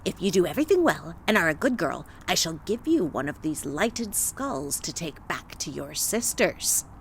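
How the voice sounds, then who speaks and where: A woman voicing a fearsome old forest witch in a storybook reading, speaking in a gruff, mocking, menacing voice. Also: lowish voice, sing-song, normal speed, slight background noise, pitched below the performer's own voice.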